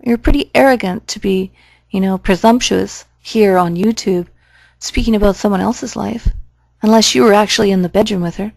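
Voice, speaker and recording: A woman's voice: medium pitch, moderate pace, creaky, a little mellow, dry recording. A woman giving sarcastic commentary on a video, firing challenging, mocking questions.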